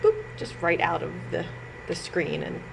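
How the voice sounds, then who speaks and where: With a lowish, fry-tinged voice and a measured pace, a woman runs a library storytime, reading and singing along with young kids. Her manner is playful and animated as she addresses them directly, and noise runs through the recording.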